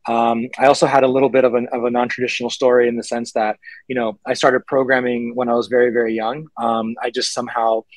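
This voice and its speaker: A man's voice: medium pitch, little pitch movement, quick pace, no room sound, poor audio. Man hosting a panel, dry sound. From Puerto Rico. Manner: friendly, repeats words when he starts a phrase. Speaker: panel host, software engineer. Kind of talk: casual panel chat on a video call. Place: office room indoors. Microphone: laptop webcam mic on a video call.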